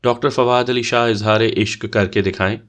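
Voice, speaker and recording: A man's voice: medium pitch, fairly even intonation, a bit bright, natural voice. A man voicing a teasing playful young man. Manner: mischievous, bantering.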